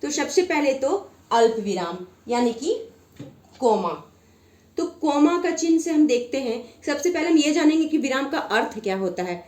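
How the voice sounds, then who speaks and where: A woman teaching a grammar lesson with a high, clear voice. She explains patiently and repeats each point. The room around her rings with echo. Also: lively intonation, darkish tone. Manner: explains slowly with many repetitions.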